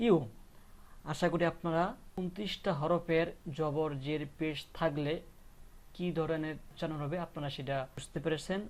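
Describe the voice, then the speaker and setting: A man teaching Quran reading, slowly drilling Arabic letter sounds with repeated question-and-answer steps. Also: a little high, fairly even intonation. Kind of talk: step-by-step recitation lesson.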